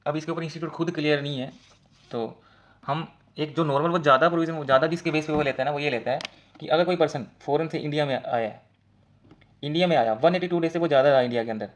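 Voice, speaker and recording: Guy teacher zooming thru case study answers, kinda high voice, talks right at the students. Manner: rapid, talks to students directly in mixed Hindi and English. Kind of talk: exam case study walkthrough.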